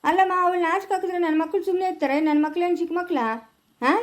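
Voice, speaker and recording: A woman with a rural Chikkaballapura Kannada accent playing a defiant, sharp-tongued grown village son in an amateur family skit, curt with his mother and gentle with a baby. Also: extremely high pitch, steady tone, fast. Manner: curt, dismissive, then soft cooing with a baby.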